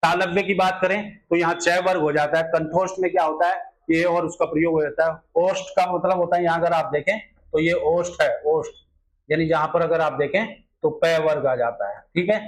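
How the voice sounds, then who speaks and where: A man's voice: on the high side, fairly even intonation, normal speed, low-quality recording. A male teacher solving exam questions in a grammar lesson, explaining step by step and often asking rhetorical questions.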